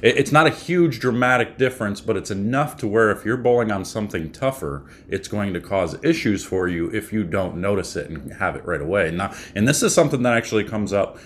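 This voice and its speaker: Man, 30s, very low voice, casual bowling tip, rambling, webcam at home. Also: fairly quick, few pauses, a little hiss or hum. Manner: relaxed, rambling with fillers and restarts. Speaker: bowling coach. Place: small room at home, indoors.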